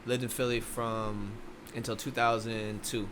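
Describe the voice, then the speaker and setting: A man's voice: medium pitch, flat delivery, unhurried, noisy background. A young man from Philadelphia, a boxing coach guest in a casual podcast interview, rambling with many restarts.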